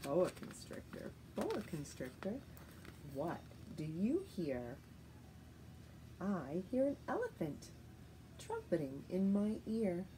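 A woman reads a children's picture book in a lowish voice with very lively, sing-song pitch. She enunciates like a teacher addressing little ones. There is some light background noise in the home recording. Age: middle-aged. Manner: deliberate, sing-song, expressive reading with clear enunciation. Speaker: teacher reading aloud to young children. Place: living room at home, indoors. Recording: faint steady noise, home room recording.

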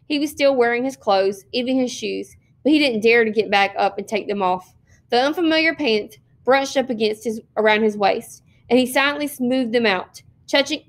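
A woman reads a children's novel aloud to her listeners as a teacher. Her voice sits a little high, and she narrates steadily and expressively, with an occasional slip or restart. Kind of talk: read-aloud storytelling.

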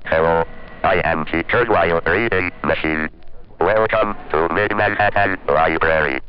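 A synthesized male voice from a talking device, with a slow, choppy robotic delivery. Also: low voice, slight background noise. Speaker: talking toy and reading machine voice. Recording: dull lo-fi recording.

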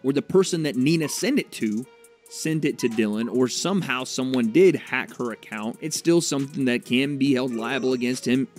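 A man's voice: medium pitch, normal speed, darkish tone, soft background music. A man reading out a news story and giving his own take on it in a casual commentary. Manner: reads report text then adds own opinion.

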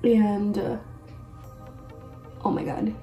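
Extremely slow and gravelly, her warm, mid-range voice shows little pitch movement. The mid-twenties makeup vlogger chats slangily with frequent exclamations while doing a tutorial at home in a bedroom-like room. The recording sounds roomy and echoey from a distant mic, with faint music playing.

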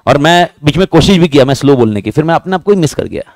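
A man teaching a class, talking fast and repeating himself, joking with his students. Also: fairly high pitch, expressive, a little mellow, no room sound. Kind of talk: lively classroom lecture.

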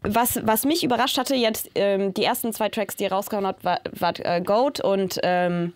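A young woman hosts a studio interview, asking relaxed, slangy questions. She leans on fillers as she talks. She speaks into a handheld mic. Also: medium pitch, normal speed, no echo. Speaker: interviewer, host. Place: music recording studio.

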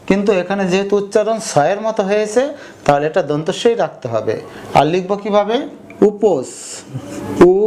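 A young man teaching an online grammar lesson, explaining step by step and saying example words again slowly. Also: sits high, darkish tone, a little hiss or hum. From Bangladesh.

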